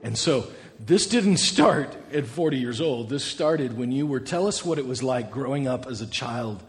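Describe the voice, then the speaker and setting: Energetic pastor addressing his congregation. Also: mid-range voice, normal speed, big-room sound. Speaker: pastor interviewing a guest. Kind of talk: sermon-time interview.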